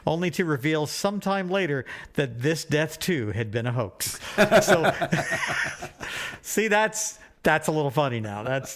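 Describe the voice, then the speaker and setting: A middle-aged man with a fairly bright voice that sits a little high chats casually as a podcast co-host. In this casual phone chat, he reads tabloid-style silly items aloud for laughs, sounding amused and irreverent.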